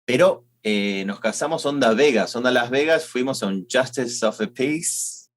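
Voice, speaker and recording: A man's voice: mid-range voice, expressive, measured pace. A middle-aged man from Argentina with an Argentine Spanish accent, chatting casually as podcast co-host, rambling and repeating himself, with slangy speech. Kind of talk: casual chat.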